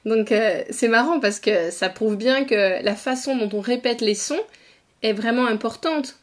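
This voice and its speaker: A woman from northeast France hosts a podcast interview, her voice fairly high and her pace measured. She chats easily in a casual conversational style and often murmurs agreement.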